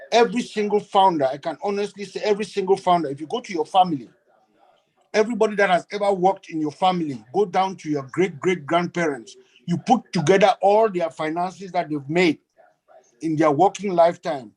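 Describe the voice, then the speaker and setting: A man's voice: high voice, fairly quick, darkish tone, poor audio. A man from Cameroon speaking earnestly on a video call, often repeating his phrases for emphasis. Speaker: guest speaker. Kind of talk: online meeting remarks.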